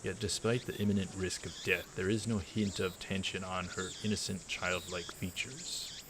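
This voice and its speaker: For a let's play, a man reads a visual novel aloud in a deep, low, steady voice. He alternates between measured narration and halting casual asides, and his home recording has clear background noise.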